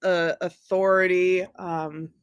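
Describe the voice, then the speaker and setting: A game master narrates a tabletop adventure at an unhurried pace. The delivery is hesitant and improvised, with stumbles along the way, and the sound is dry. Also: mid-range voice, little pitch movement, clear, resonant tone, dry recording. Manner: hesitant, stumbling over words.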